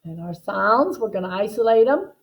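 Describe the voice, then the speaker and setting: A woman teaching a guided phonics lesson, slowly modeling words and sounds in an exaggerated, instructive way. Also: medium pitch, expressive. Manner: instructive, checks understanding with short tag questions. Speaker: reading teacher.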